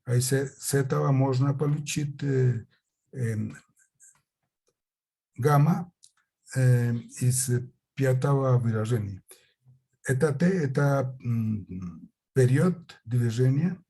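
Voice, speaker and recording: Foreign-accented guy presenting slides, non-native, mellow soft-edged voice, slow and halting, hunting for words. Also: medium pitch, gravelly, slightly rough. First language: not Russian. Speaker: conference presenter.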